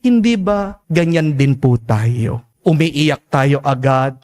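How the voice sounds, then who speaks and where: Priest, male, sermon, slow deliberate delivery, swooping emphatic pitch, asks for amens. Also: expressive, a little mellow.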